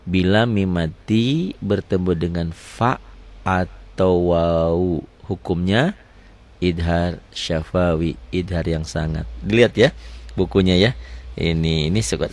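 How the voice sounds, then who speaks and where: A man teaching tajwid. He quizzes the class with his own questions and recites verse examples slowly and drawn out. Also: low voice, a little mellow. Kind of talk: tajwid lesson.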